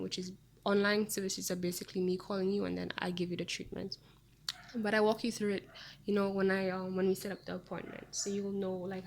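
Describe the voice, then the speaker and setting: A woman's voice: medium pitch, gravelly, a little hiss or hum. A woman giving a casual tarot reading to her viewers, talking in a chatty, meandering way with frequent ums. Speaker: tarot reader.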